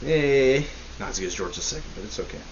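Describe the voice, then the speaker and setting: A man's voice: mid-range voice, expressive, fast, dull audio. A young man hosting a casual history podcast, rambling and joking, often correcting himself. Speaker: podcast host. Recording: faint hiss.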